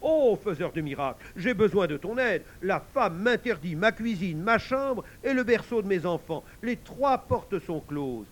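A man's voice: sits high, animated, a little slow, few pauses, voice pushed up. A man reading a tale aloud, voicing a brutish husband who blusters, roars and complains. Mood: pleading. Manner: loud, blustering, pleading.

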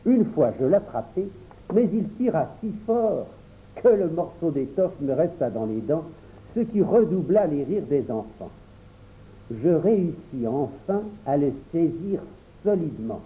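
A man reading a children's story aloud, expressive storytelling. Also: a little high, measured pace, rough recording. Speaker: narrator.

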